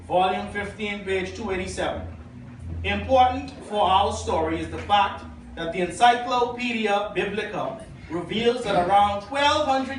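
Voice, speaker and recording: A man's voice: high voice, a bit bright, a little hiss or hum. A Bahamian man preaching a sermon to his congregation, reading quotations aloud and asking them questions. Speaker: pastor. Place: church hall. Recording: echoey church, voice from far off.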